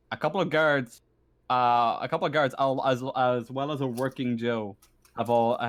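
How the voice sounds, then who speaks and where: Narrating a tabletop roleplaying game on the fly, a male game master stammers and repeats words often as he haltingly goes along. He has a smooth, medium-pitched voice.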